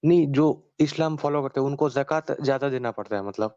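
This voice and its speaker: Male challenger, mid pitch, hesitant and self-correcting, lo-fi dry sound. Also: dark tone, no echo. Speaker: questioner in a debate. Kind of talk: casual debate questioning.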